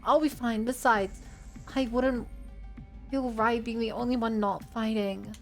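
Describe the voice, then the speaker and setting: A woman voicing a gentle, earnest young woman in a video game, polite and apologetic. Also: fairly high pitch, fairly even intonation, a little slow, over music. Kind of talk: visual novel read-aloud.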